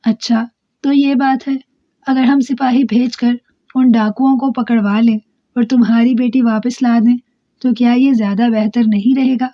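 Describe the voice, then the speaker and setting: A woman's voice: a little high, steady tone, no echo, muffled recording, natural voice. A woman voicing a kind young princess. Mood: surprised. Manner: surprised, gently questioning.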